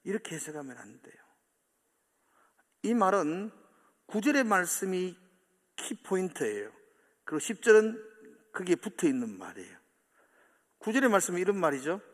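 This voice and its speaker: A man preaching a sermon as pastor, animated, acting out quoted voices with sudden swings from loud to soft. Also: high-pitched, moderate pace, long pauses. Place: church sanctuary. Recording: long church hall reverb.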